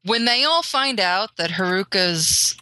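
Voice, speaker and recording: A woman co-hosting a podcast, chatting casually in an unhurried, thoughtful way. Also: medium pitch, animated, sharp tone, a little hiss or hum. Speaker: podcast co-host. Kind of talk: casual chat.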